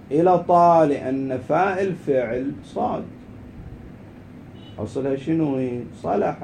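A man giving an informal grammar lesson, stretching out key words slowly and then rushing through quick asides. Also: medium pitch, creaky, warm tone, a little hiss or hum. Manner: slow and emphatic on rule words, quick asides. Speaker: Arabic grammar teacher.

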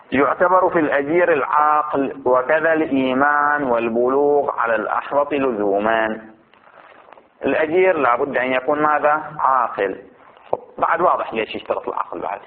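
A man teaching a religious jurisprudence lesson. He reads the text slowly, then explains it in a conversational way. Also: mid-range voice. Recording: phone-like lo-fi audio.

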